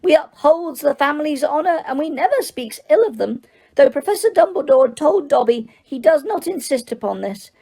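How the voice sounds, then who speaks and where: Woman doing a house elf, male, squeaky, eager, timid, broken grammar, very high, swooping. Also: very animated, normal speed, gravelly, mellow, full character voice. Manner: broken grammar, frequent "sir".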